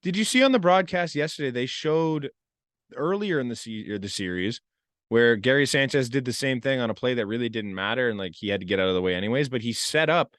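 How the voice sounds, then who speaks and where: A man's voice: medium pitch, animated, a little fast, a bit bright, no room sound. Blunt man with a cracking voice, dry sound. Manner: blunt, swears freely. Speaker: podcast co-host. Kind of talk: casual sports chat.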